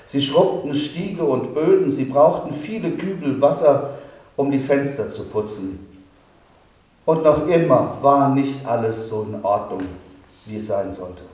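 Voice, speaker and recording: Male pastor, sermon, slow and solemn, echoey church, dull sound. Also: medium pitch, darkish tone, recorded from a distance. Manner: solemn, slow, emphatic repetitions.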